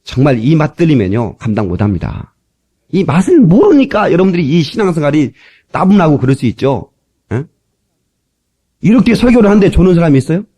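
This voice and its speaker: A man's voice: a little high, very animated, fairly quick, warm tone, breathy edge. A male pastor preaching a chatty, joking sermon, recorded in church on an old cassette tape. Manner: chatty, joking preacher who breaks into dialect recitations.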